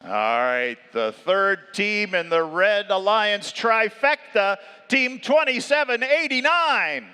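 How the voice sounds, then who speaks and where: A man working as an event emcee, announcing a live competition in a showy, hyped style like a fighting game announcer, with drawn-out calls. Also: high-pitched, animated, pushed and bright, clear, resonant tone. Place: large indoor competition venue. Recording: echoing large arena PA.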